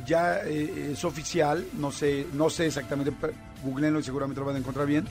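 A man with a Mexican accent hosting a radio show, telling a story in a lively way with lots of fillers. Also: on the high side, a little fast, faint music behind. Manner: animated storytelling with many fillers. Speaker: radio host. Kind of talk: casual radio chat.

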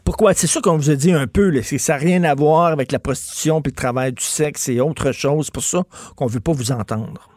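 Chatty Quebec radio host, dry studio sound. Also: male voice, fairly high pitch, fairly quick, no echo. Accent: Quebec French. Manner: animated, chatty, emphatic with many fillers. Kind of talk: casual radio talk.

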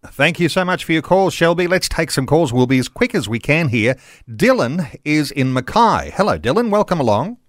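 A man's voice: a little high, big pitch swings, normal speed, no echo, studio quality. A man with an Australian accent hosting a talk-back radio show.

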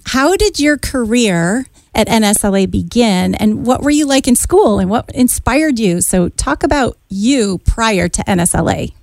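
A woman's voice: fairly high pitch, animated, a little slow, vocal fry, hardly any pauses, a little mellow, dry recording. Enthusiastic woman radio host. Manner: enthusiastic and gushing. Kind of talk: radio show hosting and interviewing.

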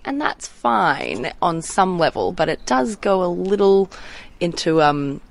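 Deep-ish aussie woman singer, earnest and candid. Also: big pitch swings, measured pace, creaky. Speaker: singer guest. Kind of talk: casual interview.

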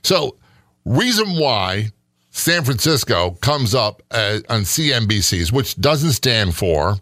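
A man's voice: medium pitch, sing-song, slow pace, sharp tone, no room sound, studio quality. A middle-aged man co-hosting a casual chat, skeptical and sarcastic, often rambling. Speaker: podcast co-host.

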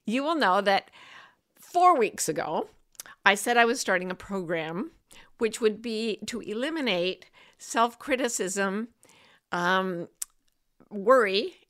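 A woman hosts an informal talk in a mid-pitched voice. She speaks to her online listeners in a familiar, chatty way. Her delivery is animated and emphatic, like personal conversation more than a scripted read. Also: slow pace. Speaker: host of a weekly broadcast.

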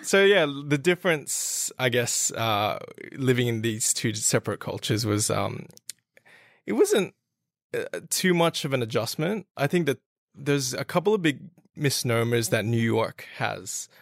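A man's voice: medium pitch, very animated, unhurried, vocal fry, no echo, studio quality. A man from Australia, a guest talking casually and a little hesitantly about his suit business and upbringing. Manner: hesitant, with fillers and restarts. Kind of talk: casual interview chat.

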